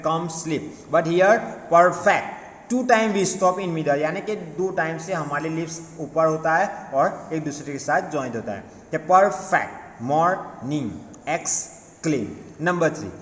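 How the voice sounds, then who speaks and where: A man teaching an English lesson with an Indian accent, drawing out each word very slowly and deliberately in a slightly high voice. He mixes Hindi and English, repeating examples so students can follow. The recording is roomy, with a long reverb trailing off and a faint hum of background noise. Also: fairly bright tone. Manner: switches between Hindi and English, repeats words slowly and clearly. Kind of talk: classroom lesson explaining English grammar. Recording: echoey room with long reverb.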